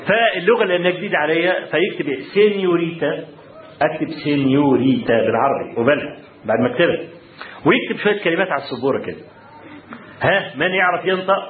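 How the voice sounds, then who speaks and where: A man with an Egyptian Arabic accent telling students about his college days, animated, often checking in with the audience. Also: on the high side, echoey room, narrow, tinny audio, a little hiss or hum. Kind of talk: storytelling talk to students. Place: lecture hall.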